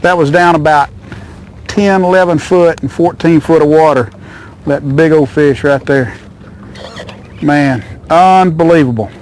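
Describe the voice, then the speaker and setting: Excitable man fishing from a boat. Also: fairly high pitch, unhurried, pauses often, a little hiss or hum. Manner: excitable, hollers and coos at the fish. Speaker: fishing show host. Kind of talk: excited outdoor fishing commentary. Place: small boat on a lake outdoors.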